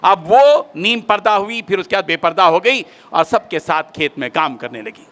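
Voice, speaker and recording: A man's voice: sits high, lively intonation, moderate pace, a bit bright. A male maulana delivering an emphatic, moralizing storytelling sermon. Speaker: maulana preacher.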